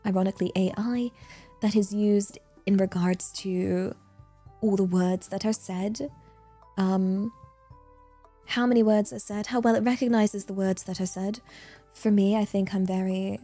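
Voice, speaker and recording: A woman's voice: medium pitch, mellow. A woman putting on a posh British newsreader voice. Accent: British received pronunciation. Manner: chatty, rambling, well-spoken. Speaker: streamer. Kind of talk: livestream chat in a put-on accent.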